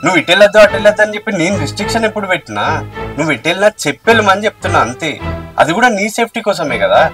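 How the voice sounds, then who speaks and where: A man's voice: high-pitched, sing-song, rapid-fire. A man acting a worried, apologetic young husband in a short film, soothing and pleading. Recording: distant mic with faint music.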